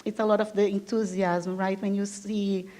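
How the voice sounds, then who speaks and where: This Brazilian guest speaker, whose first language is Portuguese, addresses a live audience in an event room at a moderate pace. Her voice is mid-range and dark with flat delivery, while her conference talk stays enthusiastic, chatty and heavy on fillers.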